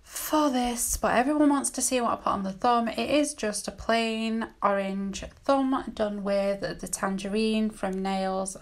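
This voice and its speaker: Speaking unhurriedly and barely pausing, a British woman with a medium-pitched, steady voice walks viewers through a nail tutorial in voice-over. Her talk is relaxed, frank and meandering, full of self-interruptions, and dogs can sometimes be heard barking.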